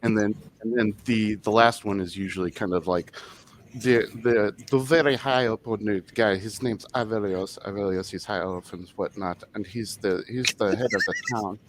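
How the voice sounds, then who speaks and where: A man talking as a game master on a casual podcast, animated and restarting often. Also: on the low side, moderate pace, noisy background.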